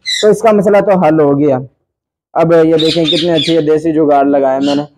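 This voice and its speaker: Speaking at a moderate pace with a fairly high, steady voice, a Pakistani man grumbles in exasperation about his birds during a casual vlog. He films in an indoor aviary, where squawking and chirping birds make the recording noisy.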